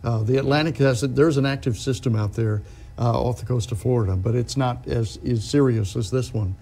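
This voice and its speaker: A male TV forecaster with a soft-edged, mellow voice at an average pitch. He talks through weather analysis unscripted, explaining things in a halting way and rephrasing as he goes.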